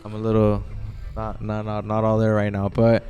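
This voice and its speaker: A man's voice: on the low side, monotone, normal speed, mellow, lo-fi sound. A young man co-hosting a casual podcast, rambling with stammered restarts and plenty of fillers. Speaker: podcast co-host. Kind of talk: casual chat.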